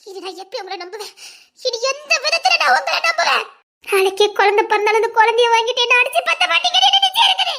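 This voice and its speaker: An actress playing a distraught young pregnant wife who feels betrayed, crying and shouting through bitter laughs in a TV serial. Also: female voice, extremely high pitch, animated, fast talker, exaggerated voice. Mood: anguished. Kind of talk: TV serial acting.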